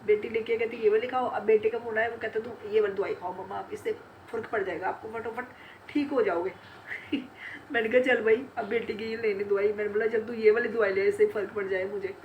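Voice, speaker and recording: A woman's voice: fairly high pitch, lo-fi sound, slight background noise. A middle-aged woman vlogging in casual chat, congested and sore-throated from a cold, laughing often as she retells family talk.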